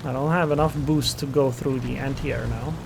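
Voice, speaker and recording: This man's mid-range voice holds a steady tone at normal speed, with a creaky quality and a noisy background. A native Estonian speaker and gameplay commentator, he casually talks through a naval battle game live, muttering plans and reactions over game engine and gunfire sounds.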